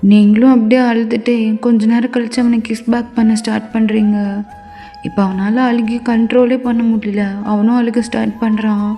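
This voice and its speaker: A woman's voice: on the high side, flat delivery, moderate pace, warm tone, in a large hall, faint music behind. A woman narrating a fan-made story in the second person, speaking intimately to the listener as you.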